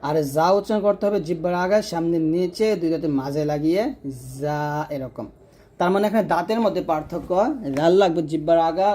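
A man teaching Quran letter pronunciation in a slow step-by-step lesson, repeating each sound for the listener to copy. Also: a little high, mellow, a little hiss or hum.

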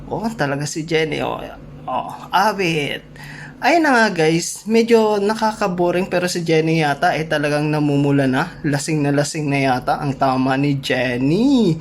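A woman's voice: low voice, moderate pace, a little hiss or hum. A woman vlogger giving playful, teasing commentary at a karaoke gathering. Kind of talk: casual party vlog commentary.

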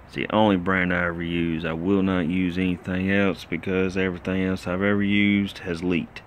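Deep and flat at a moderate pace, a middle-aged home mechanic rambles plainly through his engine rebuild, filler words everywhere, while filming on a handheld phone. The highs are cut off and a little hiss or hum sits underneath.

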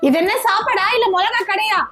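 Woman playing a stern mistress of the house, bossy, scolding, high voice. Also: steady tone, brisk, fairly bright tone, faint music behind. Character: stern rich mother, bossy toward her maid. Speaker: employer and mother. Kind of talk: comedy skit acting.

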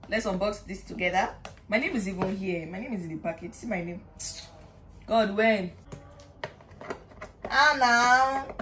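A young Nigerian woman chatting excitably and emotionally in an unboxing vlog, dropping into pidgin slang. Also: mid-range voice, background noise. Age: young adult. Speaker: vlogger.

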